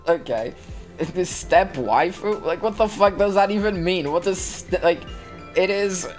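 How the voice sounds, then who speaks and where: A streamer ranting in live commentary, swearing constantly and rambling through restarts. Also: mid-range voice. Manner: rambling with many fillers and restarts.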